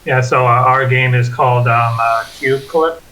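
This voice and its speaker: Bright-voiced man, hesitant game jam presenter on voice chat; audio keeps dropping in and out. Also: mid-range voice, fairly even intonation, normal speed, low-quality recording. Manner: hesitant, lots of uh fillers. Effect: voice cutting in and out. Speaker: game jam team member presenting his game. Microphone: push-to-talk voice chat mic.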